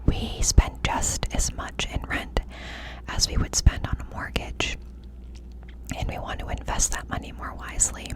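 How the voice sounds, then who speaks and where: Whispering woman, breathy and unvoiced, ASMR chat, close cupped mic, confiding, repeated phrases. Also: unhurried, rough recording. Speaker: ASMR creator.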